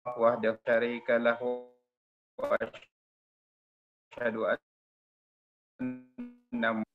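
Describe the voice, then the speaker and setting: A man giving a slow, formal religious opening as a guest lecturer, his online call audio cutting in and out. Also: medium pitch, sing-song, vocal fry, over music. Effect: choppy online call audio breaking up. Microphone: computer or phone on a video call. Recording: dull lo-fi video call audio.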